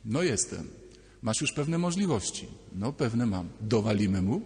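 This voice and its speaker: A man's voice: on the low side, sing-song, a little slow, darkish tone, pitched below the performer's own voice. A mischievous inner boy who eggs on in a dropped, sly voice, as a preacher acts him out. Long reverb from a church hall trails each line. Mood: egging on. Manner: egging on, then pleading.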